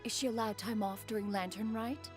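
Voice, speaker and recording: For a video game, a woman voices a proud, ancient female bird spirit who talks in a lofty, archaic manner and refers to herself as "one," sounding haughty. Her medium-pitched voice is close to everyday speech, fairly even and a little fast, with music in the background.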